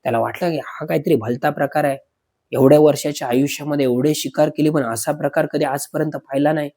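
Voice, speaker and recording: Mellow-voiced man telling a horror story. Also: on the high side, fairly even intonation. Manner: dramatic, addresses listeners as friends; pauses and fillers, slows for suspense. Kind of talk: spoken horror story narration.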